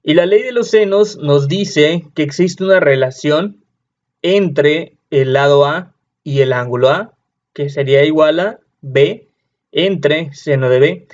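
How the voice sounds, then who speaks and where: A man's voice: fairly high pitch, slow pace. A man, teaching a math lesson patiently, often repeating and correcting himself. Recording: dull lo-fi sound.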